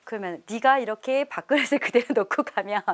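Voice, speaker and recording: A middle-aged woman professor giving a lively parenting lecture to a live audience, often laughing and acting out parents' lines. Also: a little high, a little fast. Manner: animated, laughs often, acts out quoted parents. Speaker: professor leading a parenting seminar.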